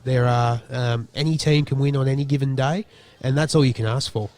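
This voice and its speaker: An Australian man talking through a country football match after the final siren, in the loose, chatty way of a post-match wrap. He pauses often on ums and restarts his sentences as he works his way through his points. His voice sits at an ordinary middle pitch for a man. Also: fairly even intonation, darkish tone. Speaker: football commentator. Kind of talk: post-match commentary chat.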